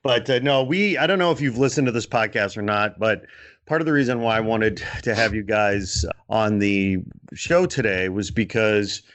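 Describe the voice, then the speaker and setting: Man, podcast host on a remote call; lowish voice, enthusiastic, rambly. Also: normal speed, a bit bright. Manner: enthusiastic, rambling, many fillers and restarts. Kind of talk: casual interview chat. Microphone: remote call setup.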